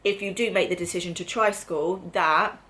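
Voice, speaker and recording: A woman's voice: fairly low pitch, normal speed, bright, forceful tone. A middle-aged woman with an English accent chatting casually as she hosts a family vlog, explaining things and checking in with tag questions. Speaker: mother hosting a family vlog. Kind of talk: casual chat.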